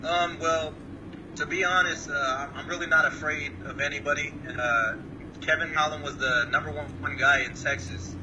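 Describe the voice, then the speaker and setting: A man from Samoa answering interview questions over a remote call, calm and modest, with many hesitant uhs. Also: a little high, normal speed. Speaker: guest fighter. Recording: distant mic with clear background noise.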